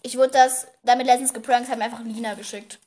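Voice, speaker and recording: A teenage girl chatting casually as podcast host, giggly and teasing, talking fast. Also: on the high side, steady tone, a little mellow. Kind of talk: casual chat.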